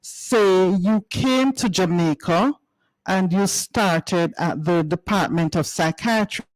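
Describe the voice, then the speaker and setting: A man's voice: sits high, slow, no room sound, poor audio. A male radio host interviewing a guest, stumbling and repeating words as he asks questions.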